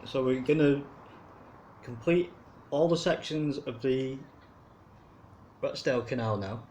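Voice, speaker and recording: A man's voice: mid-range voice, a little slow, darkish tone, a little hiss or hum, rough recording. A man, giving rambling, casual commentary as he walks along a city canal. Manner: rambling, chuckling asides. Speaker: canal walk video maker.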